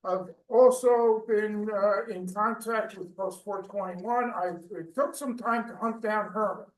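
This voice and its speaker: A man with an American accent rambles through his report, full of ums and uhs. His voice is fairly high. He sounds distant in an echoey hall. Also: steady tone, measured pace. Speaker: member giving a report. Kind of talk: meeting report. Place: meeting hall. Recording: echoey room, voice from far off.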